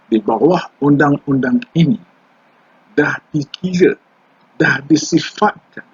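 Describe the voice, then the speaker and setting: Older Malaysian trainer, husky, a bit high, chatty lecture, lo-fi dull recording. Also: male voice. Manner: conversational, mixes English terms into Malay, quizzes the class. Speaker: environmental law trainer.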